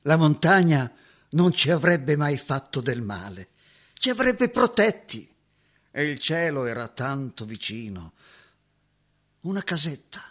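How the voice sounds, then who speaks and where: An actor playing a heartbroken former woodsman, moving from hushed remembering to anguished cries. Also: fairly high pitch, very animated, a little slow, long pauses, heavily acted. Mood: dreamy. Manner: emotional, swinging from hushed recollection to anguished cries. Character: heartbroken former woodsman haunted by lost love. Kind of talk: dramatic acting.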